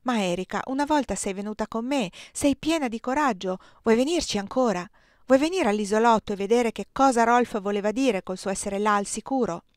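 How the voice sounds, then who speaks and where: A woman's voice: on the high side, lively intonation, fairly quick, no echo, studio quality, voice pushed up, natural voice. A woman reading the lines of an eager, earnest boy in an audiobook.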